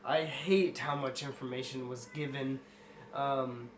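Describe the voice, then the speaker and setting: A man co-hosting a casual film review, speaking haltingly and correcting himself as he goes. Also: mid-range voice, fairly even intonation. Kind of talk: casual movie review chat. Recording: roomy echo, faint background noise.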